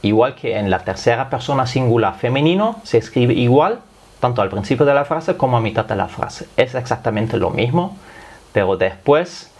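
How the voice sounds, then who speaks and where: A man's voice: mid-range voice, very animated, moderate pace, darkish tone. A man whose first language is German, speaking Spanish with a slight German accent, patiently teaching a language lesson step by step. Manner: patient, step-by-step explaining with frequent "es decir". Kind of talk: explanatory lesson.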